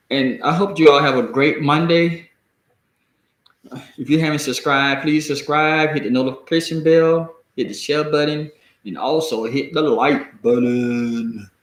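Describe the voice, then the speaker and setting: An American man with a deep Southern accent, reading and commenting casually on the news in a halting, folksy, colloquial way. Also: steady tone. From United States. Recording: echoey room.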